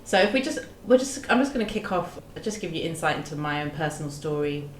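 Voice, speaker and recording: A woman from hosts a podcast discussion. She talks in a measured, earnest way and stumbles into small restarts, in a roomy, echoing room. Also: sits low, lively intonation, a little hiss or hum. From London, England. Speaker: podcast host. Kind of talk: podcast discussion, partly read from research notes. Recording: roomy echo.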